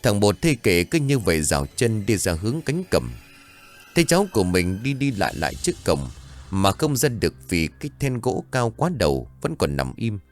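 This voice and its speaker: A man narrating a ghost story in a dramatic, expressive storytelling manner. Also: on the low side, fairly quick, soft background music.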